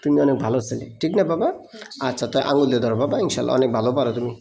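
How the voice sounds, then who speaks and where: A man's voice: mid-range voice, racing, creaky, background noise. A man teaching a child to read, chanting call-and-response drills in a coaxing, teasing way. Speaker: madrasa teacher. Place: classroom.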